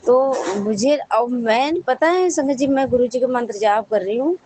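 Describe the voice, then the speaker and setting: A woman's voice: a little high, normal speed, warm tone, a little hiss or hum, rough recording. A woman sharing a devotional testimony with a congregation, telling her story in a rambling, repetitive way with frequent restarts.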